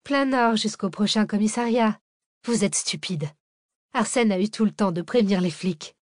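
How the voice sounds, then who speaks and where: A woman voicing a sharp, irritable young woman scientist who talks in a sarcastic, exasperated way. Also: mid-range voice, normal speed, no room sound, clean studio sound, lightly acted. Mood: scornful.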